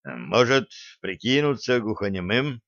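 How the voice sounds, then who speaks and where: A man voicing a tough, phlegmatic male admiral in a sci-fi audiobook, speaking calmly and gruffly. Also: mid-range voice, unhurried, no echo. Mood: dry. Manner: calm, gruff, dry. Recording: dull lo-fi dry recording.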